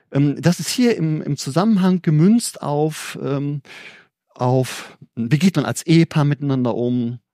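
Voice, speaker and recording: A man preaching an informal sermon in a conversational way, with frequent restarts and tag questions, his pitch rising when he gets enthusiastic. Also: darkish tone, no room sound, clean studio sound.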